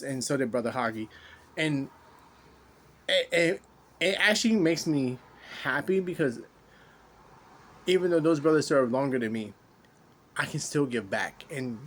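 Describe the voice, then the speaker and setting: A man's voice: mid-range voice, a bit bright. A man hosting a veterans' podcast, talking casually and from the heart in a rambling way, often restarting phrases and swearing. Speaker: podcast host, military veteran. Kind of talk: casual heartfelt monologue to listeners.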